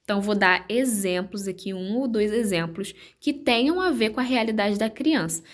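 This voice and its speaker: Woman at a middle pitch, patient teacher of children's ministry, speaks straight to viewers, encouraging, filler-heavy. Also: lively intonation, normal speed. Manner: patient, explanatory, with many fillers; addresses viewers directly, encouraging. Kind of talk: instructional video talk.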